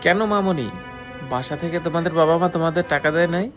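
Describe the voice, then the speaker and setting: A man playing a kind, generous stranger who speaks softly and fatherly to two poor little sisters, in a scripted web drama. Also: fairly high pitch, fast, over music, lightly acted. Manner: soft, coaxing, fatherly. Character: gentle, generous adult man, fatherly to children.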